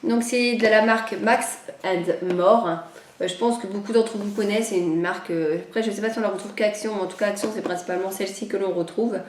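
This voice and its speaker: A woman's voice: mid-range voice, steady tone, brisk, echoey room. A woman chatting casually in a vlog, a little nasal after a cold, rambling and hesitant with many fillers. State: recovering from a cold. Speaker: vlogger. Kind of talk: casual chat.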